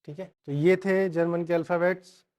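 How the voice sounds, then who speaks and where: A man teaching an online language lesson, slowly repeating each sound several times for his learners. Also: sits high, fairly even intonation, a little mellow.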